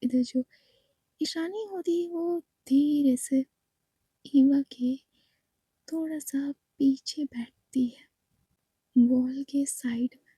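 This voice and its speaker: A woman narrating a love story in a soft, hushed voice, half whispered. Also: high voice, very slow, long pauses, no echo.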